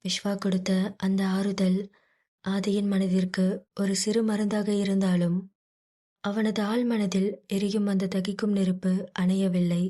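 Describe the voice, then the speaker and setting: Woman narrating a story in a hushed voice. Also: medium pitch, flat delivery, measured pace.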